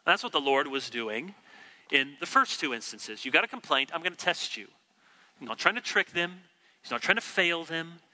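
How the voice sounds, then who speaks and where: Bright-voiced man preaching in a hall. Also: a little high, animated, normal speed. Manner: teacherly, acts out quoted complaints. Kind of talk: expository sermon. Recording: long hall reverb.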